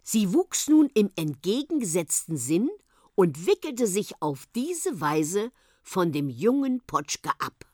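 A woman narrating a storybook reading with an expressive, animated delivery. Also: mid-range voice, slow, no echo, studio quality.

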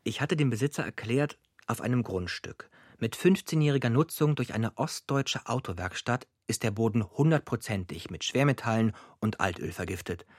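A man's voice: medium pitch, moderate pace, dry recording, natural voice. A man narrating a radio drama as a grown son recalling his family's troubles, in short, dry, matter-of-fact sentences. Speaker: first-person narrator. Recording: narration over clear music.

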